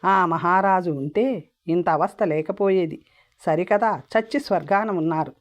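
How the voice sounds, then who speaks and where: A woman's voice: lowish voice, measured pace. A woman narrating an audiobook in a plain storytelling manner. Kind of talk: storybook reading. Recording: dull lo-fi audio.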